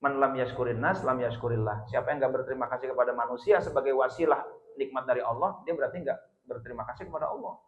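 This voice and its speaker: A middle-aged man giving a lively sermon, chatty and rising loud on key phrases. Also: mid-range voice, quick pace. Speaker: preacher. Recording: roomy, dull lo-fi sound.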